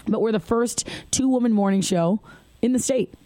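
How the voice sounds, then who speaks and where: A woman's voice: a little high, normal speed, dark tone, no room sound. A woman hosting her own podcast, chatting candidly and laughing now and then as she tells a personal story. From Michigan. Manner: chatty, candid, laughs while telling stories. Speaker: podcast host.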